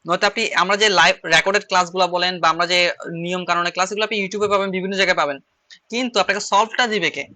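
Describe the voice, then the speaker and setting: A man's voice: high-pitched, very fast, sharp tone. A man with a Chittagong Bengali accent teaching an online shorthand class, explaining rules step by step and repeating key phrases as he writes on slides.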